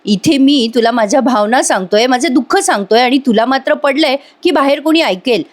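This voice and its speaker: Hurt young husband, reproachful and heartfelt, in a fairly high voice, as a woman reads him. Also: fairly quick, lightly acted.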